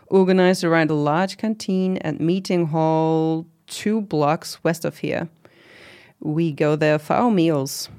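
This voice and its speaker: A woman's voice: on the low side, dark tone. A woman playing a proud middle-aged commune organizer in an interview drama, talking in a casual, reflective, lightly wry way. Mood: proud, explanatory. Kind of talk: conversational oral-history interview acting.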